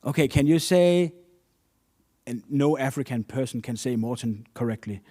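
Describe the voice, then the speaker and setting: A man's voice: medium pitch, expressive, moderate pace, dark tone. Earnest man preaching a sermon. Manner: earnest, storytelling with non-native English phrasing.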